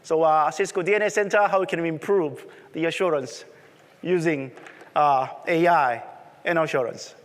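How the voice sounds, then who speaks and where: A man's voice: on the high side, moderate pace. A man with a strong Korean accent and conversational non-native phrasing, presenting a technical talk at a conference. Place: large presentation room. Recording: echoey hall reverb.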